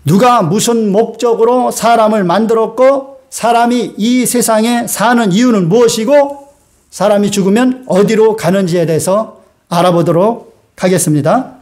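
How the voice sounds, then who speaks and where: A man with a high-pitched voice preaching a sermon. He talks in an easy, storytelling way, dropping frequent "uh" fillers as he goes. He puts questions to his congregation and has them repeat lines back. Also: normal speed, a little mellow. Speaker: pastor.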